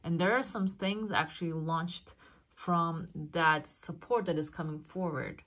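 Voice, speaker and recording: A woman with a voice on the low side reads coffee grounds for her channel's audience, her tone steady, her pace a little slow, her sound a bit bright. As a fortune teller and host, she keeps it casual, addressing the viewer head-on and pondering aloud over each interpretation.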